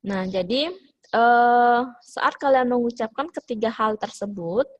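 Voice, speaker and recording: A woman's voice: a little high, a little slow, no room sound, highs cut off. A woman teacher with an Indonesian accent, explaining a hospitality English lesson with many fillers and English phrases mixed in. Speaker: vocational school English teacher. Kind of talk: online class lesson.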